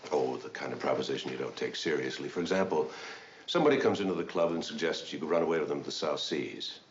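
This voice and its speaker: An actor playing a confident middle-aged navy commander defending a client in court, cross-examining with smooth, wry ease. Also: male voice, rumbling low, fast talker, a little hiss or hum. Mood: coaxing. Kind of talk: 1970s TV courtroom drama. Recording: echoey lo-fi TV soundtrack.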